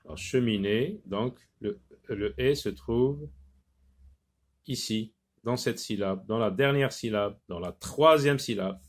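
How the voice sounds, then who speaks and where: A man teaching a phonics lesson to children, slowly repeating each word and stressing its syllables. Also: lowish voice. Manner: slow, deliberate, repeats words syllable by syllable.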